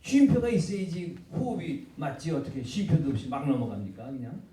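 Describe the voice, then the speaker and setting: A man's voice: fairly high pitch, sing-song, brisk, dark tone. An older man, a professor giving a public literature lecture, speaking emphatically and addressing the audience directly. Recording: echoey hall, voice from a distance.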